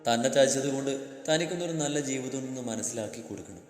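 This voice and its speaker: A male storyteller reads a romance at a calm, steady pace with a middle-pitched voice. The room adds a long, echoing reverb, and soft music plays underneath. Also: fast talker. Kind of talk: scripted story narration.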